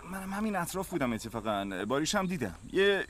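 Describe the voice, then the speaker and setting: A man's voice: a little high, very animated, noisy background. An actor dubbing a sly, teasing young man in a TV drama. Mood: smug. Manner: smug, teasing. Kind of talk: dubbed TV drama. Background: music.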